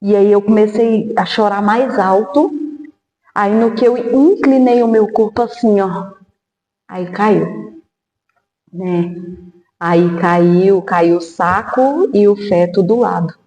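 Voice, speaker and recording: A woman with a dark, mellow voice tells a painful personal story in earnest. She is a podcast guest who acts out the lines of people in her memory. The sound is roomy, with a long echo like a hall. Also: mid-range voice, takes it slowly, dull audio. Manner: earnest, acts out remembered dialogue. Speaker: guest sharing a testimony. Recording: echoey hall.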